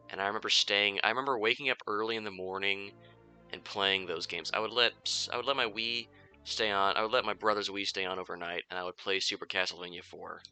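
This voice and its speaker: A young man in his twenties with a low voice full of gravelly fry rambles through a gaming podcast as he plays. His tone is strikingly bright and forceful, and he swears freely. He keeps stopping and restarting his sentences in a loose, candid way. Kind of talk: casual rambling chat while playing a game.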